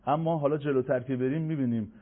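A man teaching Quran recitation on a radio lesson, explaining step by step and drawing out sounds slowly to demonstrate them. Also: mid-range voice. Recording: phone-like radio broadcast.

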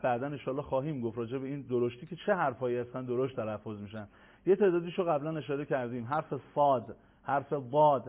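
A man teaches recitation, patiently explaining and drawing out letter sounds slowly. His voice sits in a middle pitch. It comes through a thin, tinny phone-like line. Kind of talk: broadcast lesson.

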